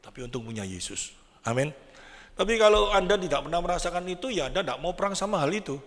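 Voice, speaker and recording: Animated pastor, echoey church hall. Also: male voice, sits high, quick pace. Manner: animated, quizzing the congregation, acting out prayers. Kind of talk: sermon.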